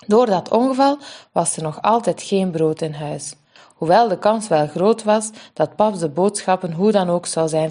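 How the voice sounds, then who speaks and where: A woman reading a story aloud for children, with a lively and expressive delivery. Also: fairly low pitch.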